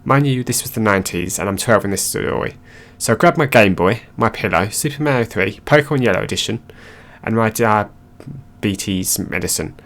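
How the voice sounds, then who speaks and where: Low-voiced man reading stories aloud. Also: animated, normal speed, few pauses, fairly bright tone. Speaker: narrator.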